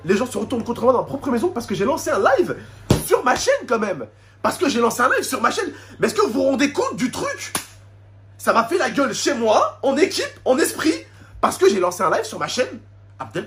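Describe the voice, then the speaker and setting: High-pitched French suburban street-slang man, indignant. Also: wildly swooping pitch, fairly quick, noisy background. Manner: indignant, repetitive, rhetorical questions. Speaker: YouTuber addressing subscribers. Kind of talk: emotional spoken rant to camera.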